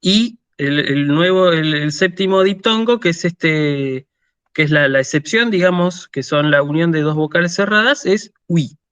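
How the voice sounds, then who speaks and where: A man with an Argentine Spanish accent giving an online university lecture, patient and deliberate, often checking in and pausing on fillers. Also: a little high, a bit bright, clean tone, dry recording, highs cut off. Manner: slow and deliberate with many fillers.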